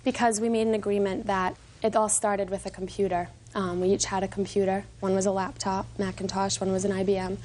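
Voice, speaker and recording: A woman's voice: medium pitch, little pitch movement, brisk, hardly any pauses, darkish tone, a little hiss or hum. A young adult woman giving explanatory testimony as a plaintiff in a TV court.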